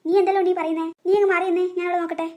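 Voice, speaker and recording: A bossy older sister, voiced by a woman, takes charge in a cartoon, scolding her siblings. The voice is very high and the words tumble out fast. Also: little pitch movement, warm tone, lo-fi sound. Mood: worried. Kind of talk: cartoon voice acting.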